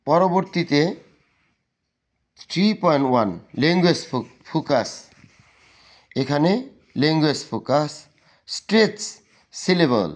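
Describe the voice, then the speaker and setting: A man with a Bengali accent teaching an English lesson to students, reading example words slowly and drawing them out. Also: medium pitch, darkish tone. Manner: slow, drawn-out word-by-word reading of English examples. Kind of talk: classroom lesson explanation.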